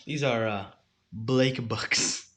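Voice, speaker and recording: A teenage boy chats casually and breaks into playful, mock-indignant outbursts. His voice sits at a middling pitch, and the room is echoey. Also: very slow, fairly bright tone. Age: teens. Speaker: podcast co-host. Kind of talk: casual chat.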